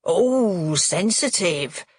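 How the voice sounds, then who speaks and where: A woman's voice: fairly low pitch, expressive, extremely slow, husky, no room sound, studio quality, full character voice. A woman voicing a crude, menacing middle-aged father who sneers and needles everyone at the table. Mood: taunting.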